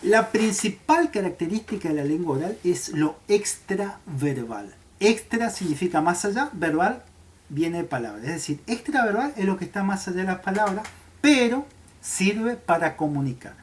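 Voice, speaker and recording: A man's voice: high-pitched, very animated, normal speed, a little hiss or hum. A man, teaching a recorded language lesson and often checking in with his students. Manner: checks understanding with frequent "¿sí?", gestures while talking. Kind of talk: explanatory class video.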